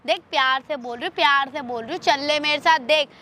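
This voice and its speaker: Actress doing a domineering young landlord's daughter for a web skit; sharp, very high, taunting. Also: female voice, a little fast, a little hiss or hum. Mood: coaxing. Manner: taunting, bullying, switching to coaxing. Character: bossy young landlord's daughter, threatening and pushy.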